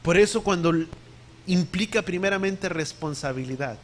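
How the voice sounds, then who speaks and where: A male preacher delivers a sermon in a high, emphatic voice. He teaches, asks the congregation questions, and spells out words letter by letter. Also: moderate pace.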